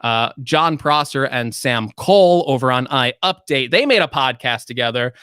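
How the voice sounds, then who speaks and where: A man co-hosting a tech podcast in casual chat, animated and self-mocking. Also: medium pitch, normal speed, clear, resonant tone, no echo, studio quality. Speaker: podcast co-host.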